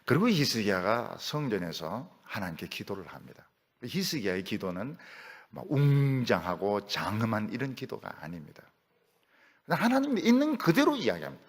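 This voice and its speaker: A man's voice: lowish voice, wildly swooping pitch, moderate pace, husky. A middle-aged male pastor preaching in a conversational way, acting out prayers in a pleading voice. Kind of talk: sermon. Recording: long church hall reverb.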